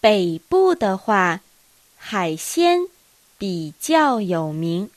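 A woman teaching a language lesson, reading dialogue lines with careful, deliberate enunciation. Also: medium pitch, big pitch swings, dry recording.

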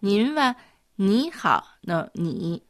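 A woman co-hosting a scripted language lesson, modeling phrases slowly and clearly. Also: mid-range voice, sing-song. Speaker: co-host and Chinese pronunciation model.

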